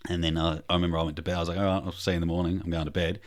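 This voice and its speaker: A man's voice: low voice, little pitch movement, rapid-fire. A young man telling a story in a laid-back chat, swearing freely and trailing off with fillers. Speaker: podcast host.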